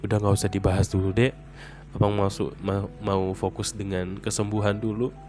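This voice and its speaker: A man voicing an injured young man who speaks softly and apologetically in a spoken story. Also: lowish voice, level tone, normal speed, faint music behind, pitched below the performer's own voice, natural voice. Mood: apologetic.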